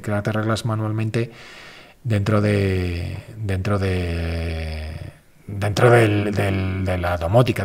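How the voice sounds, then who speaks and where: A man's voice: on the low side, a little mellow. A man hosting a casual live stream, answering viewer questions in a rambling, self-correcting, informal way.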